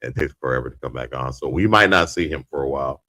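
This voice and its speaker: A man's voice: very deep voice, fast, pushed and bright, no room sound. A man co-hosting a casual live podcast, laid-back and slangy, laughing often. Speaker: podcast co-host. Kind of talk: casual live-stream chat.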